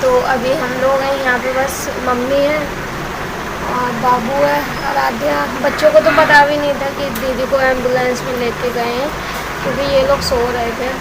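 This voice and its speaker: A woman's voice: sits high, flat delivery, moderate pace. A young woman narrating a casual daily vlog. She talks straight to her viewers in a worried way. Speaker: vlogger. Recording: noisy background.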